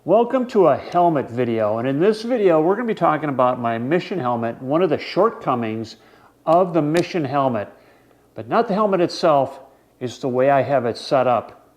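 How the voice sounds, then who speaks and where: A man hosting a vlog, explaining equipment in a casual, halting, conversational way. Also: on the high side, expressive, lo-fi sound. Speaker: snowmobile vlog host.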